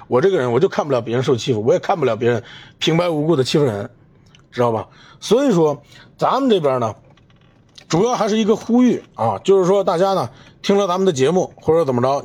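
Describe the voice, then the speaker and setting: Man, podcast host, indignant rant, rhetorical questions, slightly high voice. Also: a little mellow, slightly rough. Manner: indignant, emphatic, addresses listener with rhetorical questions. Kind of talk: solo commentary rant.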